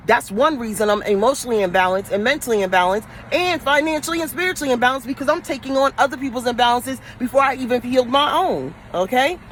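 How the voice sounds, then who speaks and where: Blunt New York Queens woman, noisy recording. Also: on the high side. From New York City, Queens. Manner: blunt, streetwise, emphatic, slangy. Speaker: livestreaming spiritual advisor. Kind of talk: casual, profane livestream rant.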